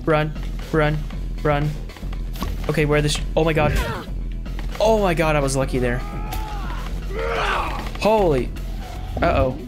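A man's voice: fairly high pitch, slow, long pauses. A young man giving casual, exclamatory let's-play commentary as a gaming host. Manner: excitable, exclamatory. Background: game music.

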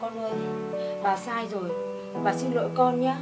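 An actress playing a harsh older grandmother, bossy and sharp-tongued. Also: a little high, very fast, natural voice. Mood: remorseful. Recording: roomy, distant mic, music behind.

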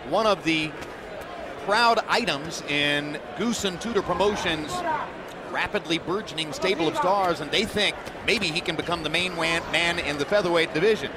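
Male fight commentator, high voice, articulate and detailed, over loud arena noise. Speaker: play-by-play boxing commentator. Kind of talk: live sports commentary.

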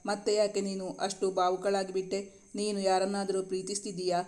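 A caring young woman friend in a romance storybook, asking gentle probing questions, as a man reads her. The voice is high and flat in its tune. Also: a little fast, lightly acted.

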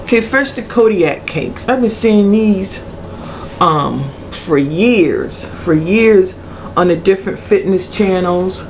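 A middle-aged woman giving a blunt, casual product review in a hesitant way with many pauses. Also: mid-range voice, lively intonation. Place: small cluttered room indoors. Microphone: webcam at arm's length. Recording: noisy webcam recording with room ambience.

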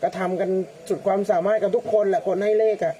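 High-pitched guy w/ chatting on a phone livestream, soft polite particles, faint hum behind. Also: steady tone, fast talker. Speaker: lottery-number livestream host. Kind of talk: casual livestream chat reading viewer comments.

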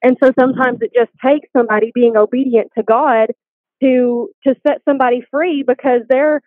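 A woman with a high-pitched, fairly even voice speaks briskly as a guest on a call, sharing her faith story in a casual, chatty way and saying "like" a lot. She works at a boutique shop. The tinny phone line sounds dry, with no room sound.

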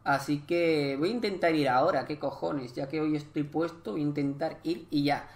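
A young man with a Spain Spanish accent doing live gameplay commentary, chatty and excitable, swearing and joking in slang. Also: on the high side, normal speed. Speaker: gaming YouTuber.

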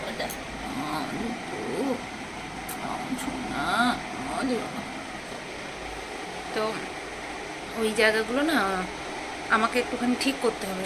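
A woman's voice: on the high side, heavy background noise. A woman chatting casually to her viewers in a home vlog, tired after little sleep. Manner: chatty, addresses viewers directly. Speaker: home vlogger. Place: home, indoors.

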